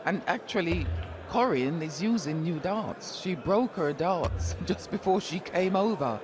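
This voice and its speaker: A woman's voice: lowish voice, expressive, a little slow. A woman co-commentating on live darts as a pundit, in a chatty style. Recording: crowd and clear background noise.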